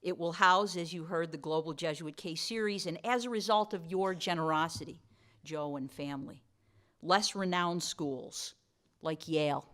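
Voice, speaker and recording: A woman's voice: fairly low pitch, normal speed, a bit bright. A woman delivering a formal awards-dinner speech as the college's host, with playful asides to the audience. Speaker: college president giving dinner remarks.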